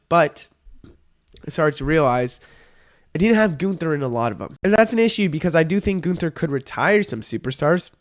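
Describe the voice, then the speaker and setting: Sick young guy hosting his vlog, rambly and unsure, keeps correcting himself. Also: a little high. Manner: rambling, hedging, self-correcting. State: sick, voice sounds off. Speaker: wrestling video host. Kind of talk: casual opinion vlog.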